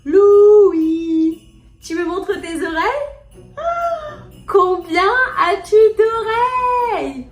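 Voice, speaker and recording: Woman, children's host, very high-pitched, very slow, sing-song, roomy sound, soft music behind. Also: lively intonation, lo-fi sound. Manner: sing-song, gushing exclamations, drawn-out words. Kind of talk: slow, exaggerated talk to toddlers.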